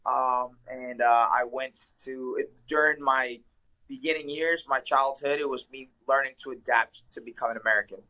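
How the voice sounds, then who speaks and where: Being interviewed as a guest, a young professional MMA fighter from Ecuador responds reflectively and earnestly, using lots of fillers. He speaks at normal speed and medium pitch, steady in tone but pushed and bright, on a low-quality recording.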